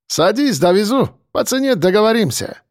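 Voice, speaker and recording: A man's voice: high voice, very animated, normal speed, no room sound, clean studio sound, pitched above the performer's own voice. Man doing a chatty cabbie with a Caucasus accent. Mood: friendly, hospitable. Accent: light Caucasus. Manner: warm, chatty, unflappable, calls people dear. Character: cheerful hospitable middle-aged male cafe owner driving a cab. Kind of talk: audiobook character voice.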